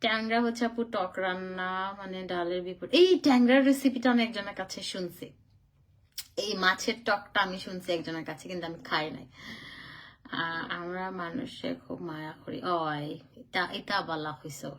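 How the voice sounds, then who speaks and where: A woman's voice: fairly low pitch, moderate pace. A woman from Chittagong chats on a live stream, answering viewer comments as she goes. She talks loosely and mixes in English phrases. She sounds a little tired from travelling. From Chittagong, Bangladesh. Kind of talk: casual live-stream chat.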